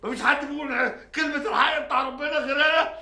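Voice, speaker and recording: A man's voice: very high-pitched, fairly even intonation, very fast, bright, forceful tone, roomy sound, exaggerated voice. An actor playing a stubborn, proud middle-aged Egyptian father, arguing heatedly and sarcastically with his family. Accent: Egyptian Arabic. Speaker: father of four daughters. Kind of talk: TV drama acting.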